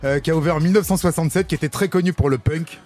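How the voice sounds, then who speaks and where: A man's voice: fairly high pitch, very fast, darkish tone, faint music behind. A man guest on a radio show, explaining and telling stories in a studio. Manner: storytelling, explanatory. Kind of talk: casual radio chat.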